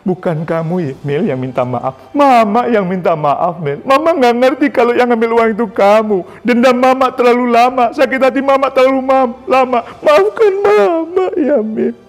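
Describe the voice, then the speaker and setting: A man's voice: mid-range voice, fast, few pauses, darkish tone, natural voice. A man voicing a grieving elderly village mother who wails and pleads through tears, repeating her son's name. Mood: sobbing apology.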